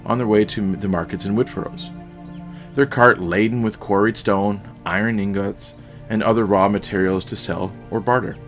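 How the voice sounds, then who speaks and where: A man narrating a solo tabletop fantasy game in steady, descriptive storytelling. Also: lowish voice, normal speed, soft background music.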